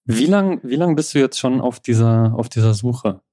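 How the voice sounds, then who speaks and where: German man, warm mellow voice, joking, casual podcast banter. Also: mid-range voice, normal speed, no echo, studio quality. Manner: joking, relaxed, laughs often. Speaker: podcast co-host. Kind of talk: casual chat.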